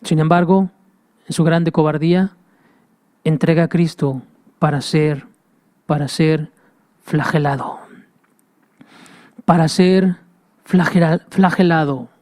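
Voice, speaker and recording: A man's voice: fairly high pitch, steady tone, slow, long pauses, darkish tone. A man preaching a sermon with passion, repeating phrases and speaking straight to the listener. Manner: impassioned, repetitive, addresses listener directly.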